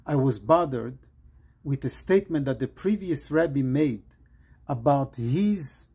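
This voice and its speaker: A man from Morocco, a rabbi, giving an earnest pre-Shabbat sermon in short, measured phrases. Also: medium pitch, lively intonation, creaky, mellow, breathy edge.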